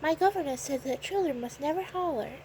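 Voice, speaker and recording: A woman's voice: high voice, a little fast, dark tone, a little hiss or hum, close to an everyday voice, poor audio. A woman voicing a polite, curious young girl who speaks in prim, well-mannered phrases. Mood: proper.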